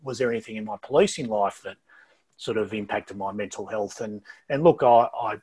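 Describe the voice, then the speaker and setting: A middle-aged Australian man answers interview questions over a low-quality video call. His voice is husky and sits fairly low. He talks in a halting, casual way, often repeating words before carrying on. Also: darkish tone. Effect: low-quality video call audio. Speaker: interview guest.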